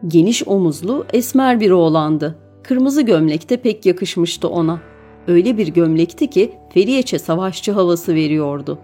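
A woman narrating a children's novel in an even, measured reading. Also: fairly low pitch, soft background music. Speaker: audiobook narrator. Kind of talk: storybook narration.

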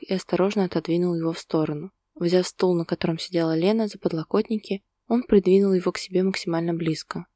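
A woman narrating a romantic story in a calm, even manner. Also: lowish voice, dry recording, clean studio sound.

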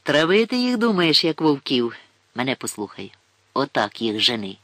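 A man voicing a gruff, mocking older forester who looks down on city folk. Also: mid-range voice, very animated, normal speed, pushed and bright, dry recording. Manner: grumbling, scornful, folksy.

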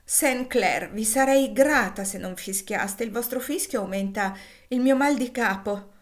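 Woman putting on a whiny high-pitched southern lady, always griping, storybook reading. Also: measured pace, close to an everyday voice. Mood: peevish. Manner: shrill, querulous, raised. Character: petulant, complaining lady of a plantation house.

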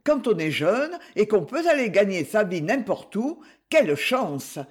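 A man reading the part of a sharp-tongued woman neighbor, gossipy and sceptical, in a storybook reading. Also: high-pitched, very animated, a little slow, full character voice.

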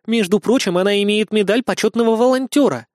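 A man's voice: high-pitched, fast, a little mellow, dry recording, clean studio sound, voice pushed up, close to an everyday voice. A man voicing a proud young blonde girl who earnestly defends her friend. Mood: indignant. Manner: indignant, earnest.

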